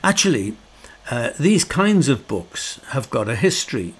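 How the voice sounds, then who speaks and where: A middle-aged man talks through a long, reflective monologue in a loose, conversational way. He leans on fillers and restarts, and his voice carries a wry, sorrowful edge. His pitch sits at an ordinary middle level. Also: very animated, a little slow, husky.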